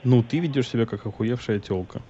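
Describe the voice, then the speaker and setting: A man with a dark, mellow voice who talks fast and mocks the caller, rude and full of swearing. The recording is a little dull, with faint hiss underneath. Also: medium pitch. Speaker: prank call recipient. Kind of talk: mocking phone argument. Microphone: phone.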